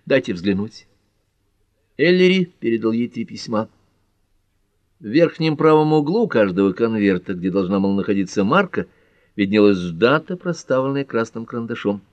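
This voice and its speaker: A man reading an audiobook in a measured, even narration. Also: mid-range voice, no room sound. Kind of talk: scripted narration. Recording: dull dry lo-fi audiobook.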